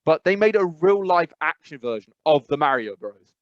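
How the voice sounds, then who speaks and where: On a casual podcast, a male co-host with a slightly high voice chats very animatedly at a moderate pace, rambling and restarting often amid many fillers. The sound is dry, a bit dull, and free of echo.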